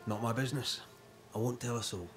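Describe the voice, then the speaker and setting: An actor playing a calm, commanding ghost hunter in a video game, measured, assured and direct. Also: male voice, mid-range voice, music in the background, lightly acted. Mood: guarded, probing. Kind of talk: dramatic video game acting.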